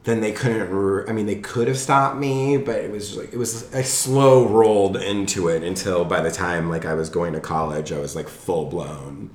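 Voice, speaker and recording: A man's voice: low voice, normal speed, few pauses, darkish tone. A middle-aged man with a Southern California Valley accent, chatting casually in a gossipy, campy way and peppering his talk with "like". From Los Angeles, United States. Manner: gossipy, campy, liberal use of "like". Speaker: podcast guest, actor. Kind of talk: casual chat. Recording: roomy, echoey room sound.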